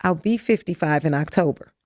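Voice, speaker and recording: A woman in her fifties, an interview guest, speaking in a calm, measured way. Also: low voice, dry recording, clean studio sound. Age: 50s. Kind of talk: candid interview chat.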